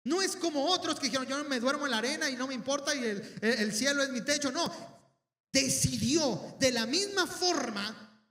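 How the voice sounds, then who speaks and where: A man's voice: very high-pitched, lively intonation, normal speed, pushed and bright. A man preaching a sermon, talking conversationally to the congregation, repeating words and asking them questions. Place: church hall. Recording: echoey hall, mic at a distance.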